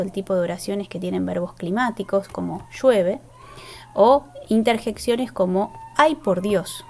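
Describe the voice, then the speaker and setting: A woman gives a grammar lesson in a medium-pitched voice. She explains patiently and step by step, often pausing to check in with her listeners. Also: a little mellow. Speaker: language teacher.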